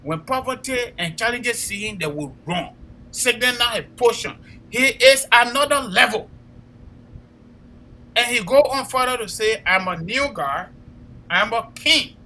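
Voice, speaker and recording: Impassioned and emphatic, a man with a Liberian accent exhorts listeners with repeated phrases while co-hosting a political talk show. His very high-pitched voice is bright, forceful and expressive, delivered at a measured pace. The low-quality recording carries a little hiss or hum.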